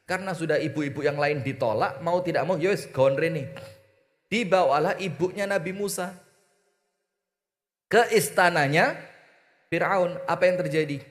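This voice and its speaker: A man's voice: on the high side, moderate pace, pauses often. A man with an East Javanese accent preaching a humorous sermon, teasing his audience and mimicking voices. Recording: reverberant hall.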